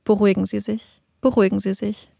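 A woman voicing a calm, firm emergency dispatcher who keeps pressing the same questions. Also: medium pitch, quick pace, gravelly, no echo, studio quality. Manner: insistent, repeating questions.

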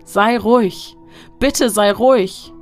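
A narrator voicing a frightened grown man who pleads in a hushed voice, in an audiobook over faint music. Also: medium pitch, steady tone, moderate pace, close to an everyday voice. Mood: pleading. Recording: long reverb with faint music.

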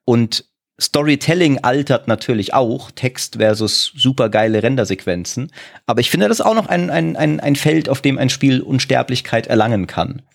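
A man in a podcast discussion, arguing in an animated, lively way with restarts. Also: medium pitch, moderate pace, gravelly.

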